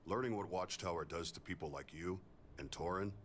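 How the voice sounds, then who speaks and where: An actor playing a composed augmented male ex-soldier engineer in a video game, speaking in a measured, plainspoken way. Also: low voice, fairly bright tone. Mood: calm. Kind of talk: video game character dialogue.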